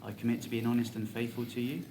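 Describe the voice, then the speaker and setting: A man's voice: medium pitch, level tone, fast. A man with a Scottish accent reading his own wedding vows, earnest with bashful laughs. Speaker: groom renewing vows. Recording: background noise.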